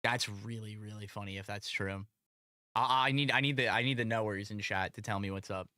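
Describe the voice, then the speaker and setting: A streamer chatting casually and reacting in an expressive, slangy, exclamatory way. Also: mid-range voice, fairly quick, no room sound, studio quality.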